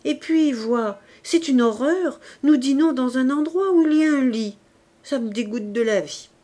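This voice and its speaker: A woman's voice: high voice, unhurried, mellow, pitched above the performer's own voice. A woman reading a flighty complaining young woman. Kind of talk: audiobook reading.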